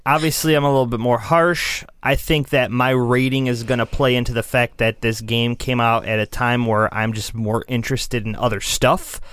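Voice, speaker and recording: A man's voice: mid-range voice, fairly even intonation, normal speed, few pauses, a bit bright, smooth, no room sound. A man co-hosting a casual game podcast, sighing and easygoing. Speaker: podcast co-host.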